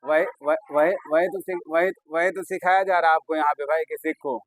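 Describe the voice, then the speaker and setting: Guy teaching urdu words, kinda high voice, talks chatty and coaxing, lots of praise, dry close sound. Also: steady tone, fairly quick, dry recording. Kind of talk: classroom lesson.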